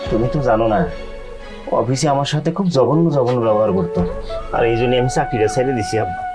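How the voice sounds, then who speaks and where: A man's voice: mid-range voice, fast talker, natural voice. A young man, playing an earnest, pleading elder son in a TV drama, with music underneath. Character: dutiful elder son, jobless and worried. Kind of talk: TV drama acting.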